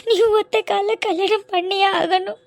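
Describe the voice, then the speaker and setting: A woman voicing a gentle young female college student in a cartoon, talking softly and pleading. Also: extremely high pitch, steady tone, a little slow, vocal fry, no echo, heavily acted. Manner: soft, pleading. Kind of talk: cartoon voice acting.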